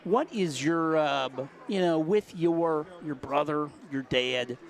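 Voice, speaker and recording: An older man, a local broadcaster, chatting folksily through post-game interviews with high school players in a gym. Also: slow, creaky. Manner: chatty, folksy, rambling questions. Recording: noisy crowd in a gym. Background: cheering crowd.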